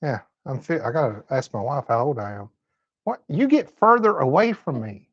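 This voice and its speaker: A man's voice: medium pitch, sing-song, normal speed, fairly bright tone, breathy edge, dry recording, muffled recording. Folksy fifty-year-old man, dry audio. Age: 50s. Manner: folksy, laid-back Southern talk. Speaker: host. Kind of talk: live-stream chat reading comments. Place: his home.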